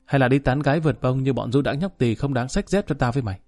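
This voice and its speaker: A man voicing a proud, stubborn male gang boss who talks quickly and dismissively. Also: medium pitch, a little mellow, faint music behind, lightly acted. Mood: defiant.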